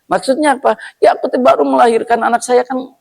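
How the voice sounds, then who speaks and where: A preacher voicing a crying mother camel begging to be spared for her newborn calf, in a high tearful voice. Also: fairly even intonation, fast talker, gravelly, heavily acted. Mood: pleading. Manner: pleading, tearful.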